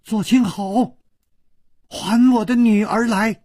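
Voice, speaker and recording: A man voicing a shrill, furious, grieving middle-aged mother who hurls sharp accusations in a storybook reading. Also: fairly even intonation, slow pace, breathy edge, dry recording, studio quality, exaggerated voice. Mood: furious, accusing.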